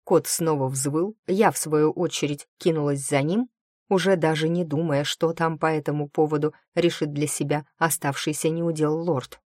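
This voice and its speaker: Low-voiced woman reading a fantasy audiobook. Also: normal speed, no room sound, studio quality. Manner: lively, expressive storytelling. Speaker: audiobook narrator.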